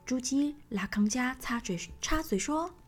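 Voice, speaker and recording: A woman's voice: high-pitched, animated, unhurried, husky. A woman narrating a children's story in a sing-song manner, speaking to young listeners. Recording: faint background music.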